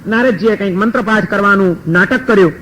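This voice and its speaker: A man preacher giving a sermon, telling a story in a lively, animated way. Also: high-pitched, fast, a little hiss or hum, rough recording.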